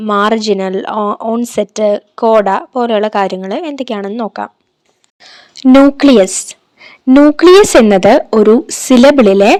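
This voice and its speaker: Female teacher, fairly high voice, patient step-by-step explainer for a phonetics lesson. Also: darkish tone. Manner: explains step by step, mixing in English terms, syllables spelled out slowly. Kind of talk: recorded phonetics lecture.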